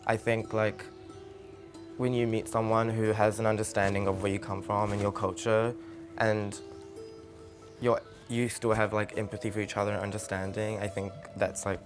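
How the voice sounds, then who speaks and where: A man, speaking earnestly and reflectively in an interview. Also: fairly low pitch. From New Zealand. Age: 20s. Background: music.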